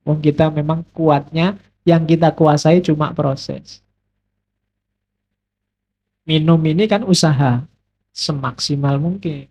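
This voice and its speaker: Middle-aged male lecturer, joking and conversational, breathy edge to the voice. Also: on the high side, slow pace, pauses often. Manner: relaxed, joking, conversational teaching with playful examples. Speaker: philosophy lecturer. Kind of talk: casual philosophy lecture. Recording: dull lo-fi lecture recording.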